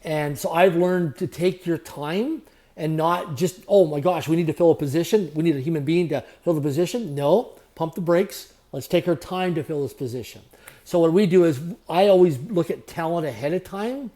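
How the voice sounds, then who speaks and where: A man being interviewed on a podcast, speaking in quick, repetitive motivational phrases. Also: on the high side, mellow. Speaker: guest, entrepreneur.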